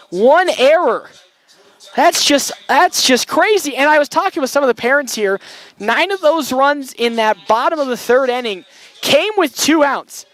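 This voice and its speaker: A man doing live post-game radio commentary from a tent at an outdoor ballfield, excited and out of breath, laughing often. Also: very high-pitched. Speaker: radio sports broadcaster.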